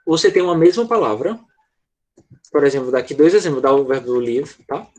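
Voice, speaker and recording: A man teaching a grammar lesson in an online class, patiently checking in with his students and slowing down to model words. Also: on the high side, lively intonation, a little mellow. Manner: slows down to model English words. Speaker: English teacher.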